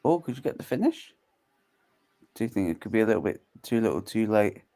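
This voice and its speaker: A man's voice: lowish voice, big pitch swings, fairly quick, dark tone. A young man co-hosting a live fight watchalong, chatting casually, laughing often and recapping the action for viewers who have just tuned in.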